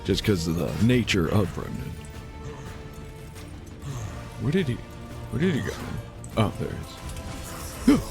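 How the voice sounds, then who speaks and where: A man's voice: fairly low pitch, huge pitch swings, measured pace, long pauses, music in the background. A man giving casual live video game commentary, rambling and geeky as he plays. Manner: rambling, easily sidetracked geeky enthusiasm.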